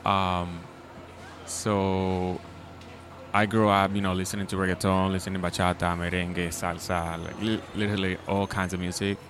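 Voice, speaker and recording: A low-voiced man in his twenties from the Dominican Republic talks at a moderate pace with a flat delivery. He's a guest DJ at an outdoor festival, chatting casually into a handheld mic for an interview, full of likes and ums, with background noise around him.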